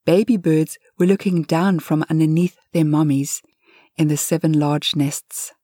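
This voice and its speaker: A woman narrating a children's story in a gentle, unhurried way, sometimes dropping to a whisper. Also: sits low, fairly even intonation, no room sound, clean studio sound.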